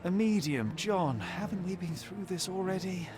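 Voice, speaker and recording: A man's voice: sits high, animated, moderate pace. A male actor playing a haughty, coldly logical young detective in a video game, blunt and precise. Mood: haughty, dismissive. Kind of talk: scripted game voice acting. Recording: loud music behind the voice.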